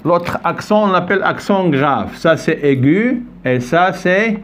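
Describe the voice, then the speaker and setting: A man's voice: sits high, animated, a little slow, a bit bright, slight background noise. A man teaching French in a classroom, patiently repeating words and asking often if the students follow. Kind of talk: classroom lesson. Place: classroom with a board.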